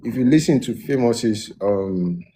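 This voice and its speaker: Over poor audio, a man who produces music recounts his story in an easygoing interview, his telling loose and full of restarts. His voice is medium-pitched and unhurried.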